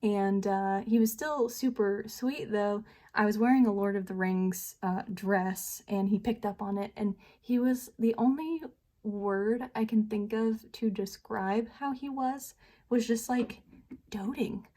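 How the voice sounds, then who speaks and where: A chatty young woman from the United States talks at home while she does her makeup. Her voice sits at an ordinary middle pitch. She pokes fun at herself and laughs often as she rambles on. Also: a little slow, dark tone. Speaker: beauty vlogger. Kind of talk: casual chatty storytelling while doing makeup.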